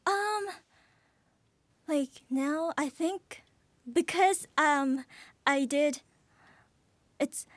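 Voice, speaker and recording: A young woman in her early twenties speaks in a high, cute anime-girl voice. She takes her time, searching for words in casual interview chat. The studio sound is close and dry. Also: very slow, long pauses, a bit bright, no echo. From Japan. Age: early 20s. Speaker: guest, voice actress. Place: small radio studio, indoors. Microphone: desk gooseneck microphone.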